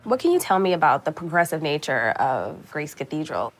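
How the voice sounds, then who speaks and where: A woman reporting for a news segment, upbeat and clear, interviewing people. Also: sits low, big pitch swings, fairly quick, slight background noise. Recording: music playing behind.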